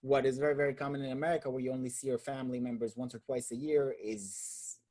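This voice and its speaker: Hosting a casual roundtable, an Israeli man with an Israeli accent speaks quickly in a warm, mid-range voice with a flat delivery. His manner is thoughtful yet hesitant, and he repeats words as he gropes for what to say.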